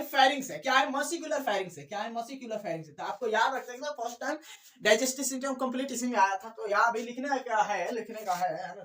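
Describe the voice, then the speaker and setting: A woman biology teacher giving a classroom lecture at the board, repeating key words and asking rhetorical questions, dropping in English terms. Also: a little high. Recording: echoey room, far from the mic.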